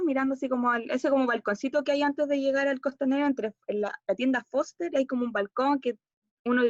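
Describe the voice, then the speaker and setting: A young woman with a Chilean accent recounts a personal story as a monologue exercise. Her voice sits a bit high, and she keeps circling back with fillers and self-corrections. The recording is dry and a little muffled. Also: dry recording. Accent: Chilean Spanish. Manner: rambling, hesitant storytelling with fillers and restarts. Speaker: acting student.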